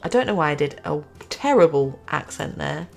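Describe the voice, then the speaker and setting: A woman's voice: low voice, expressive, moderate pace, gravelly, darkish tone. A woman giving casual, self-mocking commentary as she plays a city-building game, chatting to herself and the game.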